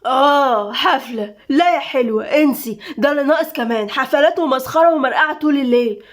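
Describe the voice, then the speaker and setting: A woman voicing a gruff, controlling, sarcastic husband in an Egyptian-accented audio story. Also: high-pitched, brisk, natural voice. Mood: scornful. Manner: harsh, mocking. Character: gruff controlling husband, man, middle-aged.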